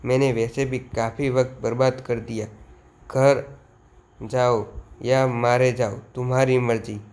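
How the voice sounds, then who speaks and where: A man reading the lines of a curt, impatient young male swordsman in a flat retelling of manga dialogue. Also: mid-range voice, measured pace, natural voice.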